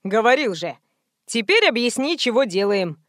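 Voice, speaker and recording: Audiobook: a woman doing a brusque male film director, curt and commanding, rather high voice. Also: very animated, normal speed, a bit bright, no echo, studio quality. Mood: bossy. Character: rude bossy male low-budget film director.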